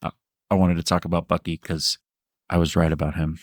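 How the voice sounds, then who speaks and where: A man's voice: low voice, flat delivery, fast talker, dry recording, studio quality. A man co-hosting a fantasy football podcast, rambling in casual chat, with laughs and swearing. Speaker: podcast co-host.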